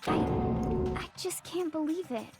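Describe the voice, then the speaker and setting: Super high excitable anime schoolgirl, swoopy and dramatic, loud music behind. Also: measured pace. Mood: shocked disbelief. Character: excitable naive girl student, anime game character. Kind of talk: anime video game dub acting.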